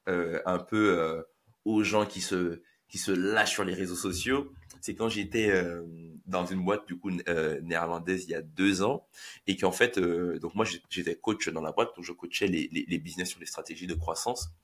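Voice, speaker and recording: A man hosting a podcast, talking in a relaxed, hesitant way with lots of fillers. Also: sits low, normal speed. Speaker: podcast host. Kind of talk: casual podcast conversation.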